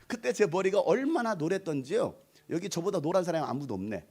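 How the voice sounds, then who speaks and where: A middle-aged man from North Jeolla preaching a revival sermon in a church. His voice sits high and swings widely in pitch, and he tells stories in a playful, animated way, sometimes acting out voices and joking with the crowd. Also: fairly quick, breathy edge. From Korea, North Jeolla. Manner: animated and playful, sings snatches of song and acts out voices; jokes with the congregation and asks them to raise hands. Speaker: pastor. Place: church sanctuary.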